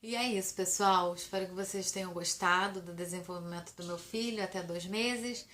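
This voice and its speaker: A woman's voice: fairly low pitch, fairly even intonation, normal speed, fairly bright tone. A young woman from Brazil, a new mother, chatting casually to camera in a rambling way with many restarts.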